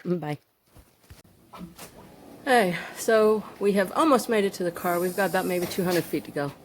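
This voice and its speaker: A woman's voice: fairly low pitch, normal speed, slight background noise. Winded woman chatting on a trail. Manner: chatty, rambling with fillers. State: out of breath. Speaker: hiking vlogger. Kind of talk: casual vlog chat. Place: outdoors on a hiking trail.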